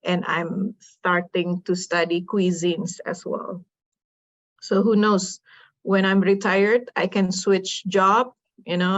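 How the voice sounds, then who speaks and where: A woman from Indonesia hosts a relaxed online panel, chatting easily and filling pauses with little fillers. Her voice sits at a middle pitch and comes through a slightly dull, lo-fi call line. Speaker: host. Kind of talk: casual panel chat.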